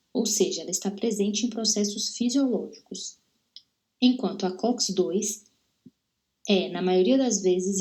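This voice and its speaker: A young woman from Brazil reads her seminar presentation aloud. She works through the technical terms steadily and carefully. Her voice is mellow and warm. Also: medium pitch. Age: young adult. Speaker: dental student presenting.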